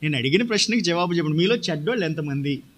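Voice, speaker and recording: A man's voice: fairly high pitch, animated, very fast, slight background noise. A male pastor preaching a sermon, often putting questions to the congregation and answering them himself.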